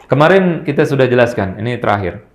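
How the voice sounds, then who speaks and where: A man teaching a religious study class, reciting Arabic verse slowly, mixing in Arabic words and quizzing his listeners with quick questions. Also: mid-range voice, big pitch swings, reverberant, slight background noise. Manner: mixes Arabic words into speech. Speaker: Islamic teacher. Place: study room at an organization office.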